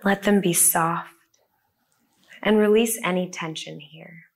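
A woman guides a body-scan meditation in a gentle, soothing voice. Her voice sits a little low, and she speaks very slowly, leaving long pauses between phrases. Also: steady tone. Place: a room with the listeners present.

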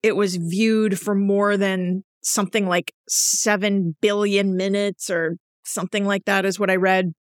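A woman's voice: medium pitch, little pitch movement, unhurried, dry recording, clean studio sound. A woman hosting a podcast, chatting casually and enthusiastically about an event she went to. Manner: enthusiastic, self-described nerd. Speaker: podcast host.

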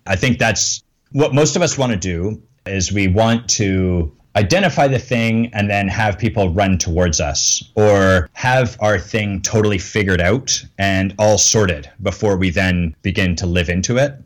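A man's voice: low-pitched, unhurried, hardly any pauses. A middle-aged man, a coach, talking candidly and self-deprecatingly in an interview, often laughing at himself. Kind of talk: reflective interview talk.

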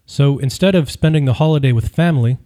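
A man reading a true-crime audiobook in scripted narration, measured and even. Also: medium pitch.

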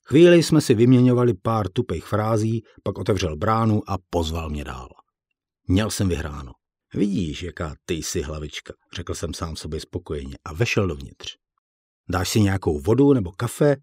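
Deep, husky male audiobook narrator. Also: a little mellow, dry recording, studio quality. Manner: colloquial, blunt, with casual swearing. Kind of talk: first-person audiobook narration.

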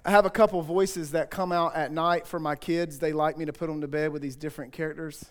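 A man's voice: a little high, fairly even intonation, brisk. A male pastor preaching a sermon in a conversational, joking way with asides to the congregation.

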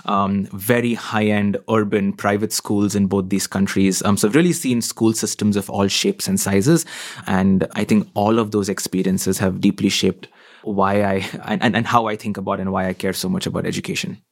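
Young male interview guest from India, low gravelly voice, earnest and reflective. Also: steady tone, moderate pace. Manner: earnest, thoughtful, laughs easily. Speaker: podcast guest. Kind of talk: conversational interview.

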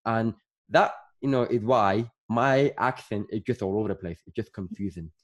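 A man's voice: fairly low pitch, normal speed. A man in his thirties from Northern Ireland, a podcast guest chatting casually and rambling with many fillers. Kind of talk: casual interview chat.

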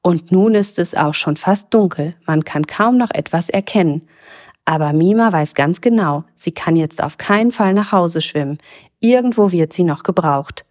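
Low-voiced woman reading a children's story. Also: normal speed, a little mellow.

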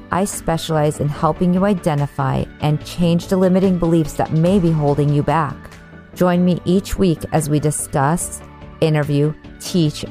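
Low-voiced enthusiastic woman host. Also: mellow. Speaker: podcast host. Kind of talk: scripted intro, then interview chat.

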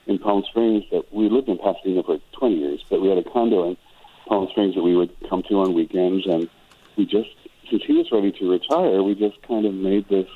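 An older man from Wisconsin, a musician guest on a radio interview, talking reflectively and rambling with frequent restarts. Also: low-pitched. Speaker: guest musician and choral director. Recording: tinny phone-like radio audio.

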